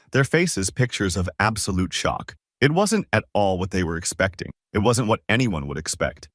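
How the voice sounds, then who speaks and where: A man's voice: lowish voice, fairly bright tone, no echo, studio quality. A man reading a first-person story aloud in a casual, conversational way. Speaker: narrator.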